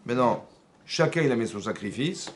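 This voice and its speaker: Un homme qui donne un cours religieux dans une synagogue, avec un accent français. Il pose des questions au public et joue les dialogues avec animation. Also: male voice, medium pitch, normal speed, slight background noise. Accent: French. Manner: animated, acts out dialogues, asks the audience questions. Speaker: rabbi teaching a class. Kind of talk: lively religious lesson. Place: synagogue class room.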